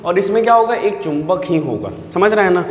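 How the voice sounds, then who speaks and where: A man's voice: sits high, expressive, a little fast. A man teaching physics, often repeating himself and checking the viewers understand, calling them sir. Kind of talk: classroom physics lesson. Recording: echoey room with long reverb.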